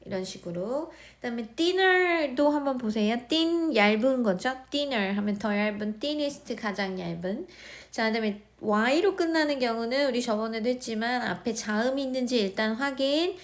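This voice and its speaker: A woman with a fairly high, expressive voice and a Korean accent teaches English grammar in a recorded lesson. She explains slowly, step by step, repeating words and often checking that students follow.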